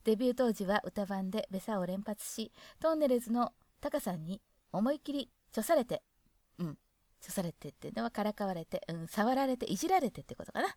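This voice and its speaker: Brief: woman with a Hokkaido accent, chatty explainer, lively voice, dry recording. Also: medium pitch, fairly quick, dry recording. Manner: chatty, adds asides to the text. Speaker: dialect explainer reading a guide. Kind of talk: casual reading with commentary.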